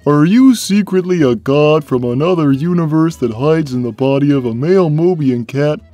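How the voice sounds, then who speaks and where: A man voicing a big, simple-minded, gentle cartoon cat who talks slowly and placidly, taking everything literally. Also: a little high, no room sound, faint music behind, close to an everyday voice. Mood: slow, earnest. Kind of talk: cartoon character answering fan questions.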